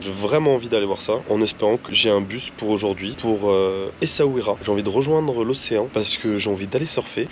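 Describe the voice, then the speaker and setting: A man's voice: on the low side, slight background noise. A man from France, chatting casually as a travel vlogger, his voice congested from tonsillitis. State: sick with tonsillitis, congested swollen-throat voice. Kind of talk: casual vlog chat to camera.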